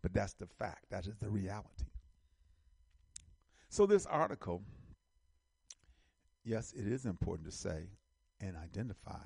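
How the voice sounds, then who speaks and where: A middle-aged man from the United States hosts an online show, talking through an article in emphatic, repetitive commentary. His voice is gravelly and somewhat husky, recorded dry and close. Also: lowish voice, big pitch swings, a little slow, pauses often, a little mellow, no echo. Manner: emphatic, repeats phrases, lists building in force. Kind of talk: casual commentary reading an article.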